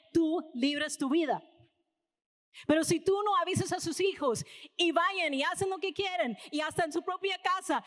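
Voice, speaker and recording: A woman with an American accent preaching a conversational sermon in a church hall, telling stories casually and checking in with her listeners. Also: very high-pitched. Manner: casual storytelling, tags lines with "¿verdad?". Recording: reverberant hall.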